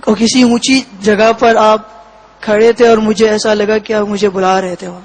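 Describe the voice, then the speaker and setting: A man with a fairly high voice recounts his own experience as an interview guest. He speaks in a flat, level tone, pausing often and searching for words between short phrases. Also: low-quality recording. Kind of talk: personal testimony.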